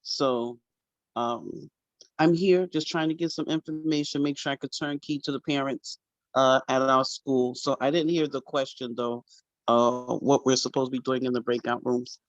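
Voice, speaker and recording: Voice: medium pitch, steady tone, moderate pace, no room sound. A teacher joining a video call, chatty and hesitant, with many fillers. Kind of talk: casual video-call discussion. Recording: dull lo-fi call audio.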